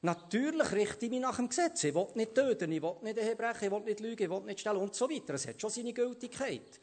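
Male preacher, slightly high voice, dramatic swings from loud to hushed, long hall reverb. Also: animated, fast talker. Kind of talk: sermon.

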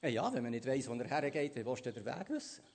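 A man preaching a sermon, swinging between loud emphasis and hushed quiet. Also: medium pitch, lively intonation, fast talker, big-room sound.

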